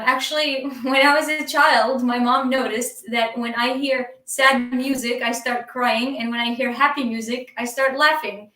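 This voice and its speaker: A woman's voice: on the high side, sharp tone. A woman from Iraq with an Iraqi Arabic accent, a guest drummer talking easily in a live stream interview, with many ums and frequent laughs. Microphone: video call. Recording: echoey room, distant from the mic.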